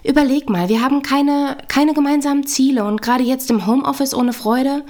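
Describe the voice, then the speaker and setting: A woman's voice: sits high, moderate pace, a little mellow, voice pushed up, close to an everyday voice. A woman voicing a melancholy young woman who questions the meaning of her life in a read-aloud dialogue. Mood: unsure. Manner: wistful, questioning.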